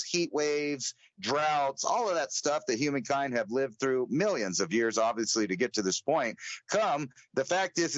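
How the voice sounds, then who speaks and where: A man's voice: medium pitch, dry recording, muffled recording. A man co-hosting a podcast, giving casual commentary in an emphatic, rambling way with scornful asides. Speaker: podcast co-host.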